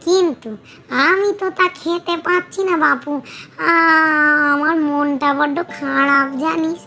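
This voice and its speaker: A woman's voice: high-pitched, steady tone, takes it slowly, bright, forceful tone, heavily acted. A woman voicing a fussy middle-aged female ghost with a toothache in a cartoon. She sounds whiny and bossy, and she bargains to get her way. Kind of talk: cartoon voice acting.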